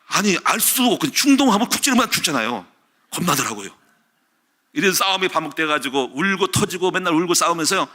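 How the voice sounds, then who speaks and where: A middle-aged male pastor preaching a sermon, telling stories animatedly and acting out the shouts he quotes. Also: on the high side, very animated, a little fast.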